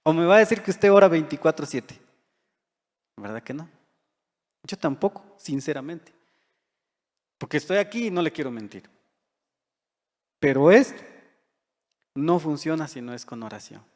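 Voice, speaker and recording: A man preaches in a church hall, his voice sitting a little high for a man. He talks to the congregation in an earnest, conversational way and asks them questions. Long reverb from the hall trails behind each phrase. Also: expressive, moderate pace, pauses often, a little mellow. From Guatemala. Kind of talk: sermon.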